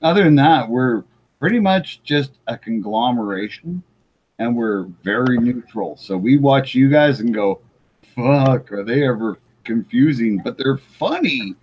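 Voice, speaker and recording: A man from Canada in casual panel chat, blunt and quick to laugh. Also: mid-range voice, expressive, husky, lo-fi sound.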